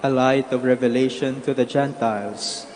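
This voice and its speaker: A man serving as lector, reading scripture at Mass in a slow, solemn, phrase-by-phrase way, with cathedral echo. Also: medium pitch, fairly even intonation, music in the background. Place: large basilica. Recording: long church reverb, faint room noise.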